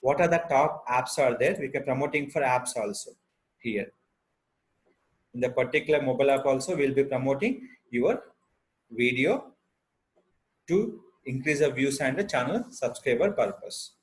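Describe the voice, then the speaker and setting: A man's voice: mid-range voice, normal speed, poor audio. Indian man with a Telugu accent, giving a tutorial. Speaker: tutorial presenter. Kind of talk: unscripted step-by-step software tutorial.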